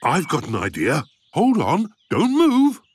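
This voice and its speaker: A jolly daddy pig. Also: male voice, on the high side, huge pitch swings, unhurried, background noise. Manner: good-humoured, chuckling. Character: jolly, easygoing father pig.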